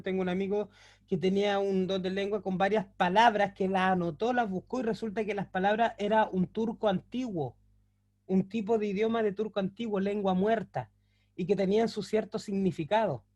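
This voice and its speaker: In a recorded class lecture, a man teaches a Bible class, explaining patiently with frequent fillers and self-corrections. He asks listeners rhetorical questions to make sure they follow, and his voice sits high with a darkish tone.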